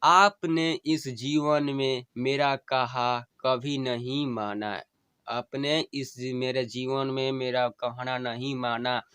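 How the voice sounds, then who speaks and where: Dying wife's gentle farewell read by a man, smooth clear tone, unhurried, each plea said twice. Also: mid-range voice, steady tone, no room sound. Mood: tender. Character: dying wife pleading with her husband. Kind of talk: emotional story reading.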